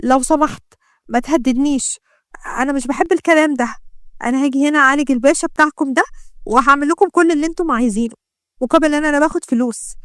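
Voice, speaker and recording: A woman's voice: dry recording, studio quality, natural voice. Woman voicing a terrified young doctor. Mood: firm. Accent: Egyptian Arabic. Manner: high, tearful, pleading.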